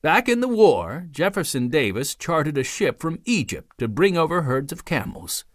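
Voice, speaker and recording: A man doing a calm army captain father. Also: fairly high pitch, moderate pace, no echo, studio quality, pitched above the performer's own voice. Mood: amused. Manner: calm, explaining, amused. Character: good-humored army captain father, middle-aged.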